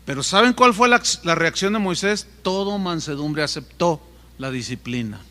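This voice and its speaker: A middle-aged male pastor preaching a sermon, telling a story with animated asides to the congregation. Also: on the high side, moderate pace, big-room sound.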